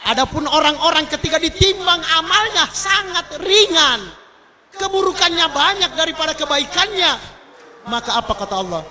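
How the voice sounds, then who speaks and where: A man preaching a sermon at a large gathering, fervent, swinging between loud outbursts and low murmured exclamations, with chanted Arabic verses. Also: expressive, moderate pace. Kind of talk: sermon at a mass religious gathering. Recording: crowd audible behind the voice.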